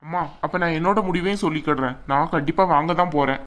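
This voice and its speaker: A woman's voice: low voice, quick pace, close to an everyday voice. A woman doing a stubborn young husband. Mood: insistent. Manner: insistent, argumentative. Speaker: son. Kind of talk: cartoon voice acting.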